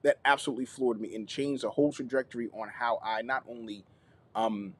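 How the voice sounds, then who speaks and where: A man hosting a live teaching stream on content creation, lively, repeating himself and checking in with viewers. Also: medium pitch, a little fast, husky. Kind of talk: YouTube live teaching session.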